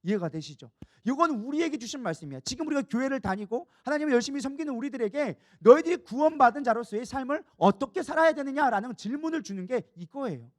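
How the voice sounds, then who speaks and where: A male pastor delivering a sermon in a high, quick voice. He teaches conversationally, stopping often to ask the congregation rhetorical questions and check that they follow. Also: expressive.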